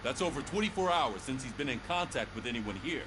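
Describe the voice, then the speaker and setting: A man's voice: medium pitch, animated, brisk, over music, lightly acted. A man playing a commanding police sergeant. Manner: briefing, authoritative. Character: commanding male police sergeant giving briefing. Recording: noisy game audio.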